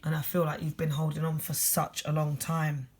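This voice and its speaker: Speaking fast and bluntly, a weary London tarot reader with a husky voice runs through a general reading. Her pitch sits in the middle and her delivery stays monotone.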